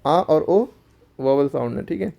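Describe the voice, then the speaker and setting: A man's voice: a little high, lively intonation, normal speed, creaky, dark tone, highs cut off. A man teaching a grammar lesson to schoolchildren, explaining step by step and answering his own questions.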